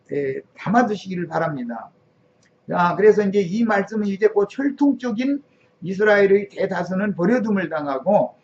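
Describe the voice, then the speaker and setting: A woman with a high-pitched voice delivers a sermon, pressing her points with sarcasm and a string of rhetorical questions. The recording sounds dull and lo-fi. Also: a little mellow. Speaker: preacher.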